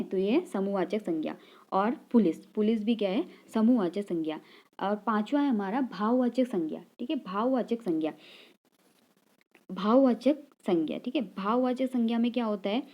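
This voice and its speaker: A woman's voice: mid-range voice, muffled recording. A woman teaching an exam-prep grammar lesson, repeating key terms and asking rhetorical questions with frequent "okay" check-ins. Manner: repeats and asks rhetorical questions, "ठीक है" tags.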